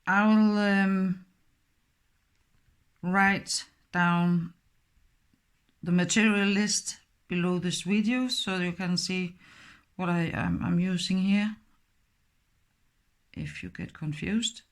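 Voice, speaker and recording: Her voice sits lowish and her tone stays steady. She's a middle-aged native speaker of Danish with the accent to match, hesitantly and slowly walking through a craft tutorial one step at a time, with frequent fillers.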